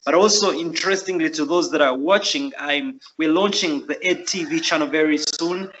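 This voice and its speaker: A man's voice: a little high, moderate pace, a bit bright, slight background noise. Earnest Ugandan man, muffled recording. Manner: earnest, reflective, frequent fillers. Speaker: guest author. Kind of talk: interview answers. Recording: muffled lo-fi audio.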